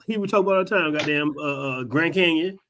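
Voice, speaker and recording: A man's voice: fairly high pitch, quick pace, fairly bright tone, a little hiss or hum. A man co-hosting a casual podcast, talking in loose slang with some swearing. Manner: slangy, profane. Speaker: podcast co-host.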